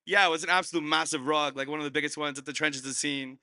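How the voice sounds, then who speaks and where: Fast upbeat man from Canada. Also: fairly high pitch, fairly even intonation, bright, forceful tone, clean tone. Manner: fast, upbeat, easygoing, drops "you know". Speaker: panel guest.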